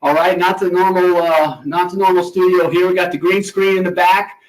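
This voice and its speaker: A fairly high-voiced man hosts a loose, rambling live chat, often restarting his phrases. He is set back from the mic, and his voice comes through hollow and boomy, like he's talking from inside a barrel. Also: level tone, moderate pace. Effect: hollow, boomy sound, as if talking inside a barrel. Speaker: host of a live online plumbing business show. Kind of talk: casual live-stream chat. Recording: hollow, distant sound in a torn-up studio.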